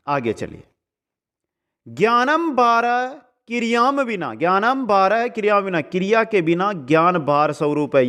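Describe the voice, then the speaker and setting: A male teacher giving an exam-prep lesson. He chants each verse slowly, then explains it in quick asides, asks students if they understood, and calls them friends. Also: high-pitched. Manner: addresses students as friends, asks checking questions.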